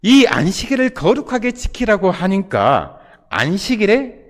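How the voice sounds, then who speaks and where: A man's voice: high voice, wildly swooping pitch, a little slow. Preaching man in a reverberant church. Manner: rhetorical questions to the congregation. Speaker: pastor. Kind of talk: sermon. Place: church sanctuary. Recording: long reverb of a church hall.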